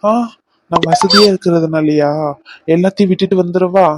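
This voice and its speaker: A man's voice: high-pitched, steady tone, normal speed, background noise, lightly acted. A man voicing an insistent, devoted young man in a cartoon, demanding answers. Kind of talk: cartoon voice acting.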